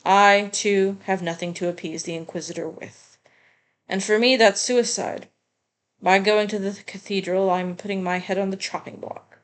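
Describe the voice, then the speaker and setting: A woman's voice: medium pitch, fairly even intonation, normal speed, close to an everyday voice. A woman reading as a grim, cornered male scientist. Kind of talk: reading game dialogue aloud.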